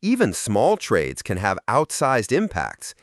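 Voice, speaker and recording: A man reading a scripted explanation in an even, explanatory delivery. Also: lowish voice, takes it slowly, dry recording, clean studio sound. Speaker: narrator. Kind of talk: scripted narration.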